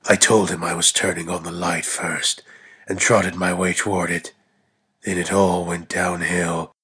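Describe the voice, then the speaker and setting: Husky, low-voiced man narrating a story. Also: pushed and bright. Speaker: reader of a dramatic reading. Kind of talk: dramatic scripted story narration.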